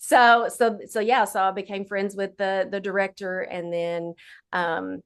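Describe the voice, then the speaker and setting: A woman's voice: medium pitch, level tone, a little slow, smooth. A woman with an Appalachian accent chatting casually as an interview guest, in a folksy, unflattened dialect. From Appalachia, United States.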